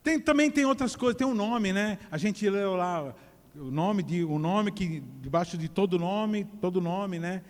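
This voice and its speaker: A pastor preaches a sermon in a church hall whose long echo fills the recording, his high-pitched voice expressive, unhurried and a little mellow. He talks in a loose, joking way and often restarts his words.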